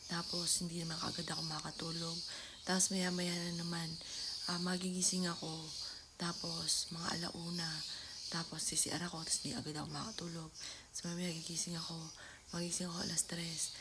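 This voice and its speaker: Soft-voiced woman telling a vlog story. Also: on the low side, flat delivery, brisk. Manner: soft-spoken, often half-whispered, bursting into loud calls. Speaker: vlogger. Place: home. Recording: noisy home ambience.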